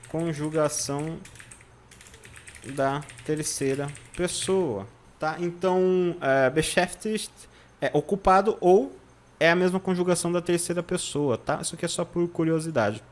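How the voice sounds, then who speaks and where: A Brazilian man teaching German in an online lesson. He spells out words slowly, repeats them syllable by syllable and keeps checking in with his viewers. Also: high voice, a little hiss or hum. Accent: Brazilian Portuguese. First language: Portuguese.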